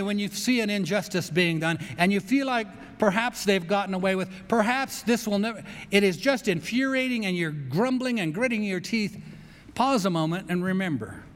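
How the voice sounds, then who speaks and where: A man preaching a sermon emphatically, with rhetorical pauses and repeated phrases, in a reverberant church. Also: sits high, expressive, fairly bright tone. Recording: long reverb of a large hall.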